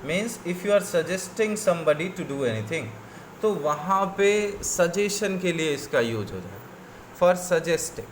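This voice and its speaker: A man's voice: fairly high pitch, expressive, slow, a little hiss or hum. A man teaching a coaching class, reciting word forms in patient lists and mixing English words into his explanations.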